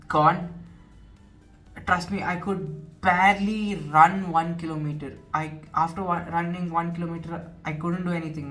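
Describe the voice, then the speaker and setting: A man's voice: fairly high pitch, a bit bright. A nineteen-year-old man with an Indian English accent, earnestly retelling his experience in a personal vlog. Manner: earnest, retelling, repeats himself. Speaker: vlogger. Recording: distant mic with music behind. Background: background music.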